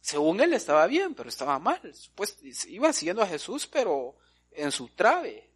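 A man's voice: sits high, huge pitch swings, normal speed, husky. A male preacher, delivering an emphatic sermon and often addressing his listeners as brother.

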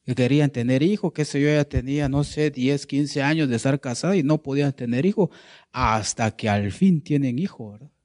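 A man's voice: mid-range voice, normal speed, a little mellow. A male preacher giving a sermon, asking his listeners questions and often adding "right?", sometimes searching for words mid-sentence. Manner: asks the congregation rhetorical questions, repeats "¿verdad?".

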